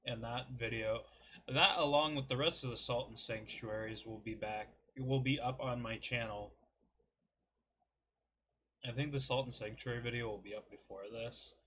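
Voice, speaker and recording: A man in his twenties, seated at a desk webcam in a small, cluttered bedroom, rambles through a food review, joking and poking fun at himself. His medium-pitched voice is pushed and bright, fairly even in intonation, at a moderate pace, with a little hiss or hum.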